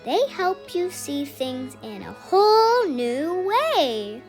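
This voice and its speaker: A friendly storybook cat read by a woman, high-pitched and full of melodic swings. The delivery is slow, emphatic and encouraging, with music behind. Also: sing-song, full character voice. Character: friendly, encouraging cool cat offering help.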